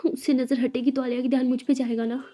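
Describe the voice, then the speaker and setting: A woman storyteller voicing an obsessive, jealous female boss who rants loudly. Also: fairly high pitch, level tone, a little fast, husky. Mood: furious. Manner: loud ranting, voice rising.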